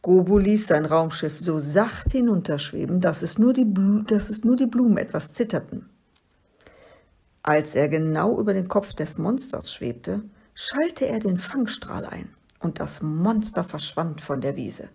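A woman reading a children's story aloud in a calm, expressive way. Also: mid-range voice, a little slow, vocal fry, husky. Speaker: reader.

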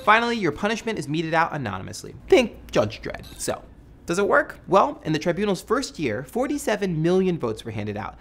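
In a small indoor studio with a music bed behind him, an American web show host in his thirties delivers a scripted video essay to camera. His delivery is emphatic, wry and conversational. The voice is high, gravelly and fairly bright, with huge pitch swings and a fairly quick pace.

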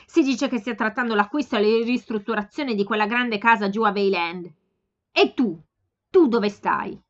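A woman's voice: fairly high pitch, normal speed, close to an everyday voice. Woman reader doing a blunt young sister, pushy and insistent, slightly muffled home audio. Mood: indignant. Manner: forceful, insistent scolding.

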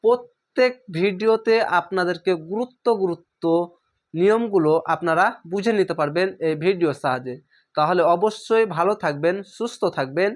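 In a recorded lesson for beginning readers, a high-voiced man speaks at a moderate pace. He patiently repeats directions, sounds out each letter separately, and addresses learners directly to check on them.

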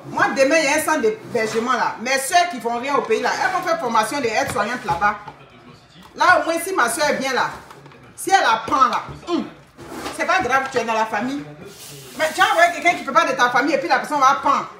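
A woman's voice: high voice, lively intonation, fast talker, bright, forceful tone, far from the mic. A middle-aged woman, hosting a casual livestream and pleading with her viewers, repeating herself and talking to them directly. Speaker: livestream host recruiting workers. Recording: echoey room, voice away from mic, faint noise.

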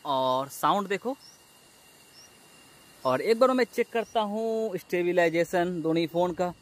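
A man with a high voice talks outdoors while he tests phones, recorded on the phone's own microphone. He calls out each step as he goes in a casual, hands-on way. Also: lively intonation, measured pace. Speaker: tech reviewer. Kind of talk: casual on-the-spot demo. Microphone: phone's built-in microphone.

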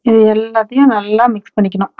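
A woman hosting a home cooking channel, calmly walking through each step and ingredient. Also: fairly high pitch, quick pace, narrow, tinny audio, a little hiss or hum. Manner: calm, instructive, listing ingredients steadily. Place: home kitchen.

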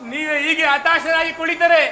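Guy acting as earnest young son begging his dad, high bright voice, echoey stage. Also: little pitch movement, fairly quick, faint music behind, full character voice. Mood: pleading. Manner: pleading, earnest. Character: young adult son comforting his widowed father. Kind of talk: village stage drama acting.

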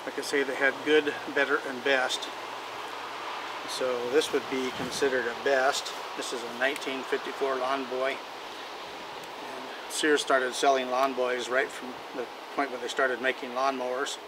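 Older male hobbyist host, folksy and rambling, flat even delivery, recorded outdoors on a distant camera mic with a steady hum behind. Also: mid-range voice, measured pace. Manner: rambling, folksy, restarts sentences often. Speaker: vintage equipment collector and channel host. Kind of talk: casual show-and-tell talk. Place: outdoors in an overgrown backyard. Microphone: camera mic from several feet away.

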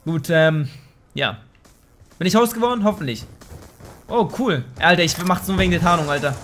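A young man commenting on a shooter game as he plays, slangy and swearing, with excitable outbursts. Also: sits high, normal speed, soft background music. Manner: slangy, swears and trash-talks. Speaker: let's play host. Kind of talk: casual gameplay commentary.

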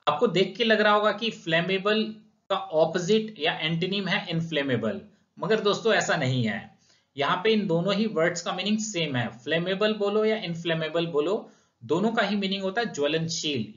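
A man with an Indian accent teaching English grammar in Hindi, calling viewers friends, asking and answering his own questions and reading example sentences slowly. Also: a little high, a bit bright. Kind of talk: grammar lesson explaining rules with examples. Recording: echoey room, dull lo-fi sound.

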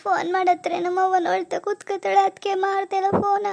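Brief: a woman as a weepy young village bride, high and soft, little pitch movement. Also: level tone, quick pace, creaky, dry recording. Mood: tearful. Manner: soft, whimpering, plaintive. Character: young newlywed bride, homesick and tearful.

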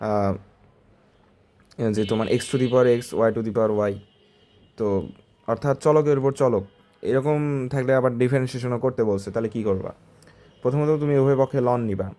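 A man's voice: mid-range voice, brisk, pauses often, mellow. Guy explaining exam math problems, conversational, keeps asking if you follow. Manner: conversational, asks the listener short checking questions. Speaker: math tutor.

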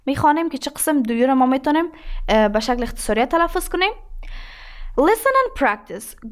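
A woman teacher with an Afghan Dari accent and a slightly high voice. She says each example sentence slowly and carefully. She then moves briskly into her explanations. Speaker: English teacher. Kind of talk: explaining a language lesson.

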